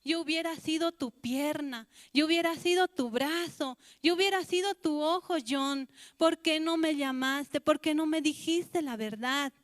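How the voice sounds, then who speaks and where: A woman's voice: high voice, a little slow, a bit bright. A woman with a Bolivian Spanish accent voicing an anxious, doting mother who sighs "ay" and frets aloud. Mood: wailing grief. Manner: fretful, sighing "ay".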